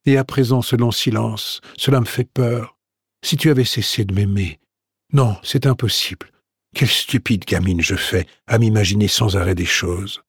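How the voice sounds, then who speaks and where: A man's voice: lowish voice, moderate pace, husky, no room sound, clean studio sound. A man reading out an anxious, pleading love letter from a young woman in an audiobook.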